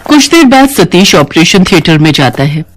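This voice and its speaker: A woman narrating a scripted bedtime story in a calm, measured way. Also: fairly low pitch.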